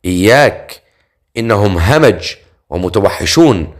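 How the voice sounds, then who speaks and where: A man voicing a proud female ghoul princess in an audiobook, giving quick, anxious warnings. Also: on the low side, animated. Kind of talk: audiobook character reading.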